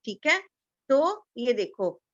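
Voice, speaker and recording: A woman teacher giving a slow, patient lesson to young children, repeating each word so they can echo it. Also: a little high, big pitch swings, dull audio. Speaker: kindergarten teacher.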